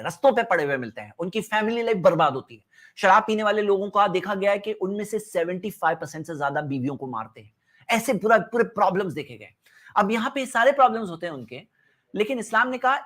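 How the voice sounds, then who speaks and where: A man giving a religious lecture, asking rhetorical questions and mixing English words into his talk. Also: high-pitched. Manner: swings between loud emphasis and soft asides. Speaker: Islamic lecturer.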